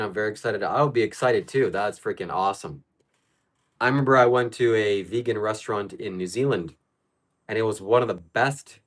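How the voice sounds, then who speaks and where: Hosting a relaxed live stream, a man from Ukraine reads out viewers' chat questions and gives blunt answers. He speaks a little low, delivering his views flatly and with certainty.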